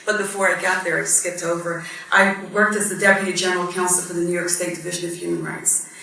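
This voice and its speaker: A woman in her fifties, Guyanese-born and Barbados-raised, recounts her story earnestly and reflectively as a judge on a panel, with many ums. She talks quickly in a low, sharp voice with vocal fry and little pitch movement. Captured from a distance in an echoey hall, the audio has faint noise.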